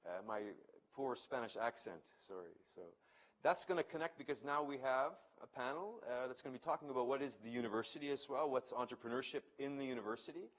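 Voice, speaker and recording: A man's voice: mid-range voice, fast. A man speaking at a conference event, presenting in a conversational way that thinks aloud and often restarts phrases. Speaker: conference speaker introducing a panel. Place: event venue.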